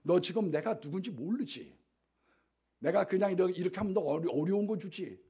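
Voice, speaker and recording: Preacher voicing the Lord: earnest, husky, declaring. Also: male voice, high voice, lively intonation, fairly quick, warm tone, voice pushed up, exaggerated voice. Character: the Lord speaking, firm bridegroom.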